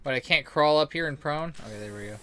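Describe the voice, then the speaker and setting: Fast-talking and expressive, this man has a fairly high, bright, forceful voice as he chats through a game stream. He rambles and jokes, crude and heavy on swearing, acting out quoted remarks. Background noise is clearly present.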